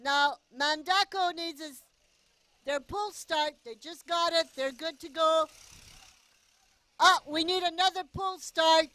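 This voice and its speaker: High-pitched, unhurried woman commentator. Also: pushed and bright, dry recording. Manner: chatty, cheers drivers on. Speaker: race commentator. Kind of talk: casual play-by-play commentary. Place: outdoor go-kart race track.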